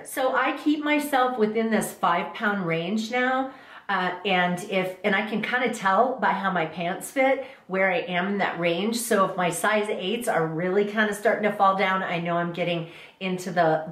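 A middle-aged woman vlogging casually to camera, chatty and rambling with frequent restarts. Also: mid-range voice. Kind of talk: casual talking-to-camera vlog. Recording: echoey room.

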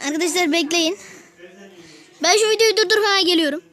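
A woman giving casual gameplay commentary to her viewers, excitable and quick to burst out in frustration. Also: very high voice. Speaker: gaming video host.

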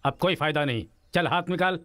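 A man's voice: fairly high pitch, a little fast, a bit bright, close to an everyday voice. A man voicing a doting joking young dad. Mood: scolding. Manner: coaxing, playful baby talk. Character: doting young father who brags and jokes. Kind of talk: Hindi film dubbing.

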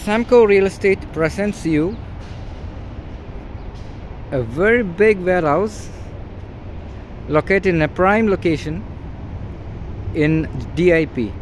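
During a property walkthrough of a large empty warehouse, a male real estate agent speaks in a high-pitched voice, slowly and with long pauses. He points out features in a plain, repetitive way, and the phone held by the person filming picks up slight background noise.

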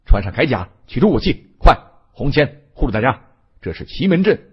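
A confident young male leader with a husky, lowered voice, as an audiobook narrator puts him on. He talks things through calmly and shrewdly. The recording sounds dull and lo-fi. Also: moderate pace, full character voice. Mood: urgent.

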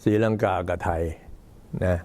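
An old man, a Buddhist monk, giving an informal talk to temple visitors in an unhurried, halting way. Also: a little mellow. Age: older. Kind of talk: informal talk, recounting temple history and announcements.

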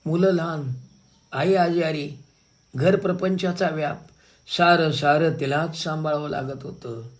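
A man telling a dramatic story in the first person of a suffering woman, with emotional delivery. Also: mid-range voice.

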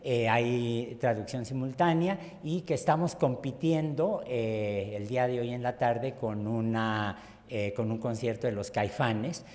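A man's voice: mid-range voice, unhurried, darkish tone. Older Mexican man in an echoey hall. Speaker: host introducing a speaker. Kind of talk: informal spoken introduction at a public talk. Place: large auditorium at a podium. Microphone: podium microphone. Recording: echoey auditorium.

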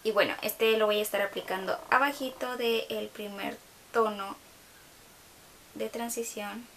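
A woman's voice: mid-range voice, steady tone, measured pace, a bit bright, slight background noise. A young woman gives a casual makeup tutorial from her bedroom, chatting along with hesitant fillers.

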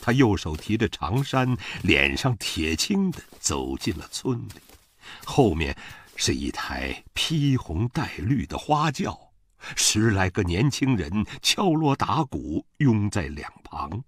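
Male audiobook narrator, low, husky, dry close studio sound. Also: no echo. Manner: slow, expressive, wide-ranging storytelling. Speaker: audiobook reader. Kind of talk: first-person novel narration.

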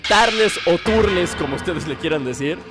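A man giving excited, joking commentary while playing a fighting game, shouting during fights. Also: sits high, moderate pace, loud music behind the voice. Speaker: gameplay streamer.

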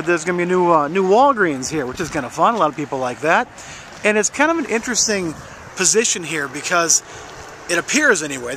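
A middle-aged American man, a public access TV presenter and weatherman, gives a casual, rambling walk-and-talk update, musing aloud beside a busy road and a construction fence. He holds the camera at arm's length, and his voice is a little high, bright, and forceful. The roadside recording is noisy.

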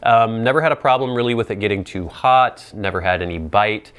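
A man in his thirties or forties giving an informal product review to camera, explaining in a measured, casual way with playful asides. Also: on the low side, fairly bright tone, clear, resonant tone. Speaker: pipe tobacco reviewer. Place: small indoor set with plain backdrop. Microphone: lapel mic.

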